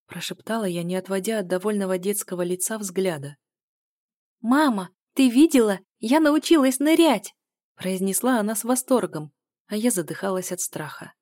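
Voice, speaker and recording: A woman reading first-person narration for an audiobook in a steady, even storytelling manner, on a close microphone. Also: on the low side, no echo.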